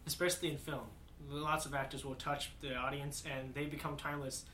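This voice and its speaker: A man joining a podcast conversation, explaining his point in a quick, eager way. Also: on the high side, little pitch movement, bright, forceful tone, a little hiss or hum. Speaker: podcast co-guest. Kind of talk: casual conversation.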